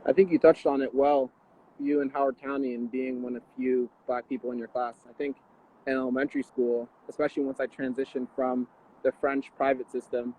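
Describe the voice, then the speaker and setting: A man in his twenties from the Washington D.C. area, a guest athlete answering interview questions in a measured, thoughtful way over a video call. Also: mid-range voice, warm tone, a little hiss or hum. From Washington D.C. area, USA. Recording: tinny phone-like video call audio.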